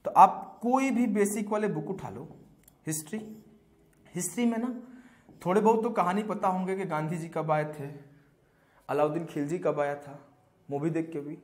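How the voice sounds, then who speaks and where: A man's voice: sits high, normal speed, pauses often. A young man giving exam preparation advice to students in a direct, joking coaching style. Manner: animated, joking, direct address. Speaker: exam prep teacher.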